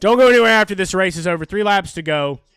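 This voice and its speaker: A man hosting a live race stream, giving excitable, profane, jokey commentary. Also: sits high, quick pace, clean tone, no room sound, studio quality.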